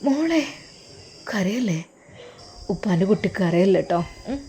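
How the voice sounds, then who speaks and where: A woman voicing a gentle, grieving father who speaks softly to comfort his daughter. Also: medium pitch, lively intonation, measured pace, slight background noise, close to an everyday voice. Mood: soothing. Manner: soft, soothing, hushed. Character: gentle, grieving young father, soft-spoken.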